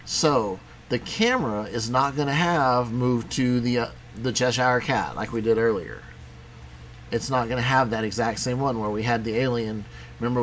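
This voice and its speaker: A man teaching a programming lesson in a casual, conversational way, talking as he clicks through software. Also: mid-range voice, a little hiss or hum. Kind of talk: screen-recorded coding tutorial.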